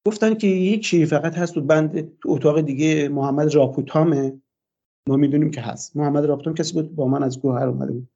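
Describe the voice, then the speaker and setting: In a dull, lo-fi recording, an older male interviewee on the radio slowly retells a long personal story, his speech hesitant and sprinkled with "uh" fillers. The voice is a touch high-pitched, though dark and mellow.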